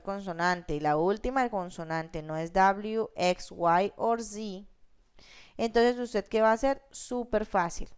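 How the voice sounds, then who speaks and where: A woman's voice: medium pitch, smooth. A woman teaching an English grammar lesson, explaining rules step by step and often checking in with her students. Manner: explains step by step, frequent check-ins like "¿listo?" and "¿sí?".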